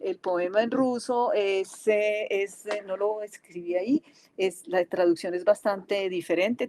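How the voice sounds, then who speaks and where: A woman's voice: lowish voice, dry recording. A woman with a Colombian accent giving an academic talk on poetry translation, talking through slides with frequent restarts and fillers. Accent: Colombian Spanish. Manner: hesitant, many restarts and fillers. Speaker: literary scholar presenting a talk.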